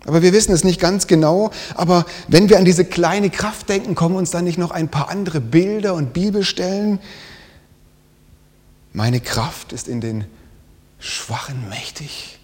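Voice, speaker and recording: A man preaching a sermon, swinging from loud emphatic lines down to hushed whispers. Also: sits high, normal speed. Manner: dynamic, drops to whispers for emphasis. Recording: long hall reverb.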